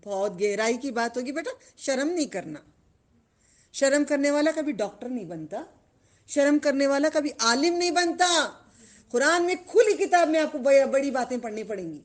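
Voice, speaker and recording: A woman's voice: high voice, expressive. A woman giving a religious lesson to children, questioning the class and drawing out repeated phrases. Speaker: religious teacher.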